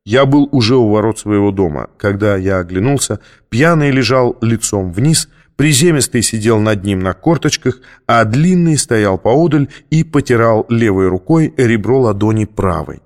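A man narrating a story in a measured, even audiobook style. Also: fairly low pitch.

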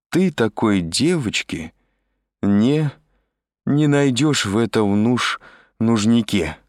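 Drunk young woman on the phone, voiced by a male reader: slurred, drawn-out, stumbling, pitched high above his usual voice, in a storybook reading. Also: no echo, clean studio sound.

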